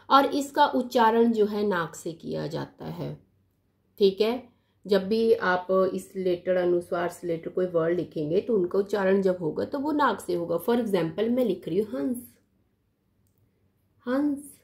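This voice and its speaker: A woman's voice: mid-range voice, gravelly, darkish tone. A woman teacher explaining a grammar lesson patiently, repeating key terms and mixing English words into her speech.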